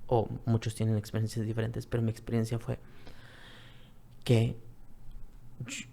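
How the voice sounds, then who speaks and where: A man from Mexico with a Mexican accent, telling a personal story as a guest in an earnest, repetitive way that often drops to a soft near-whisper. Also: lowish voice, gravelly. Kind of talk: personal testimony, conversational storytelling.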